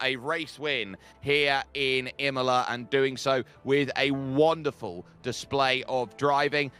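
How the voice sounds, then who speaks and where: A man's voice: fairly high pitch, pushed and bright, clear, resonant tone. A man hosting a sim racing broadcast, asking drivers fluent, polished questions. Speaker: broadcast host. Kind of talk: sports broadcast interview.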